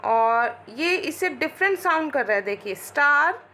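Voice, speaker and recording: In a high, expressive voice with a bright, forceful tone, a female teacher lectures her class in a blend of Hindi and English. Her pace is slow as she raises her own questions and answers them, with slight background noise in the recording.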